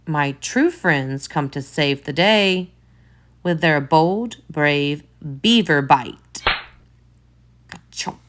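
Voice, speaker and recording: A teacher reads a children's picture book aloud in a low voice, extremely slowly. She's expressive and adds soft whispered asides.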